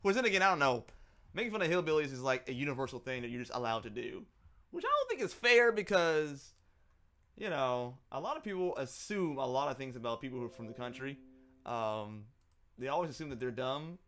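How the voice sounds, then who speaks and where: A man's voice: mid-range voice, sing-song, a little fast, fairly bright tone. Rambling, chuckling man. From Kentucky, USA. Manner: rambling, chuckling, many ums and asides. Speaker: live streamer. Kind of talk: casual live-stream commentary while playing.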